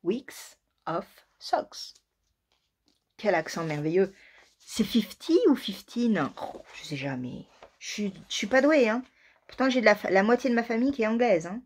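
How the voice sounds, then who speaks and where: A woman's voice: medium pitch, expressive, a little fast, darkish tone, slight background noise. A woman hosting a knitting video podcast, chatting casually and self-mockingly, often dropping to murmured asides under her breath. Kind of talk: casual chat.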